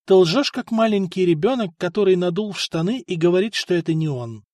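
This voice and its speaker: A man's voice: sits high, expressive, fairly quick, a little mellow, no echo, voice pushed up. A man voicing a cool, condescending imperial eunuch envoy in an audiobook. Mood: icy scorn. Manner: smooth, condescending, icy.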